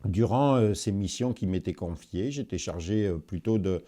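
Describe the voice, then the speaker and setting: Male politician with a northern French accent, very low and mellow voice, measured and reflective self-introduction. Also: expressive. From France, Nord-Pas-de-Calais. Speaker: provincial politician. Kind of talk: personal self-introduction to viewers.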